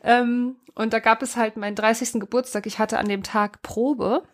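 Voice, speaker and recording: A woman's voice: on the high side, moderate pace. A woman in her thirties co-hosting a casual podcast, telling stories with lots of laughter. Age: 30s. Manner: animated storytelling, laughs often, mimics voices. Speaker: podcast co-host. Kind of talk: casual chat.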